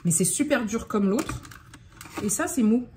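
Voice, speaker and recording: A woman's voice: a little high, lively intonation, unhurried, a little mellow, a little hiss or hum. A woman from France in a casual unboxing vlog, talking in a scattered, self-interrupting way and getting worked up. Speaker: vlogger.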